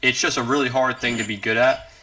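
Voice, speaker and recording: A man co-hosting a casual podcast, telling a rambling story full of animated quoted voices. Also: medium pitch, fast, no echo. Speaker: podcast co-host. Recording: distant from the mic, dry sound.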